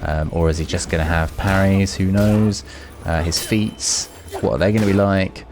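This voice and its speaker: A man with a deep, steady voice hosts a gaming video at a moderate pace, giving casual, chatty, rambling commentary. The recording is noisy, with clear background noise.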